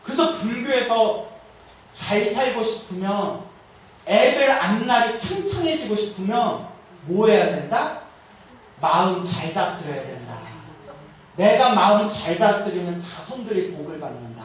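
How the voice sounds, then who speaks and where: A male monk lecturer giving a humorous dharma talk, telling animated stories and quizzing his audience. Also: sits high, unhurried, a little hiss or hum. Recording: echoey hall, mic far off.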